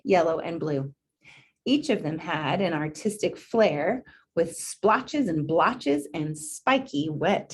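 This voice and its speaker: A woman reads a children's picture book aloud with expression, adding encouraging, chatty asides and questions for her listeners. Her voice is fairly low with a breathy edge.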